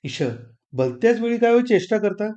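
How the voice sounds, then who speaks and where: A man voicing a fretful middle-aged wife who pleads and complains, quick to tears. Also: sits high, very animated, dark tone, muffled recording, pitched above the performer's own voice. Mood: coaxing. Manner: pleading, complaining, sing-song.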